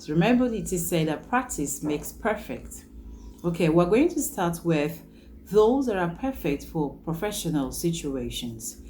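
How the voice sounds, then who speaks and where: A woman gives an English vocabulary lesson at an unhurried, careful pace. Her voice is mellow and slightly low, yet very animated in pitch. Faint noise sits behind her. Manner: slow, deliberate teaching delivery with emphatic yeses. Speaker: English teacher.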